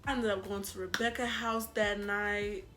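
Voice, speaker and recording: A woman's voice: medium pitch, normal speed, soft background music. A young woman vlogger telling a personal story in a casual, slangy, dramatic way. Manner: animated, slangy, dramatic retelling.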